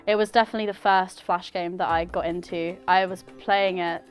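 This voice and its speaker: A twenty-year-old woman from Brighton chatting in a documentary interview about her childhood games. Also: on the low side, fairly even intonation, fairly quick, faint music behind. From Brighton, England. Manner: chatty, reminiscing. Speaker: filmmaker and interviewee.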